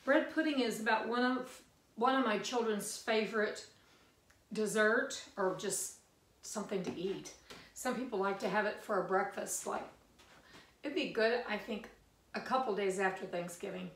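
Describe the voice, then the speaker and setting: A woman's voice: medium pitch, normal speed, echoey room, recorded from a distance. An older woman from the Missouri Ozarks, chatting her way through a home cooking demonstration with folksy, rambling asides. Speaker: cooking video host.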